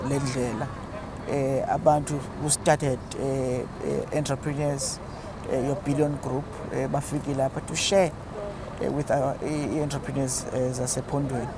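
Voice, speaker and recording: A South African man with a Xhosa accent gives a halting interview answer as an official, with frequent hesitation sounds. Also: medium pitch. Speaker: head of a public works department. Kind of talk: on-site interview answer, mixing Xhosa and English. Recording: loud outdoor urban traffic noise.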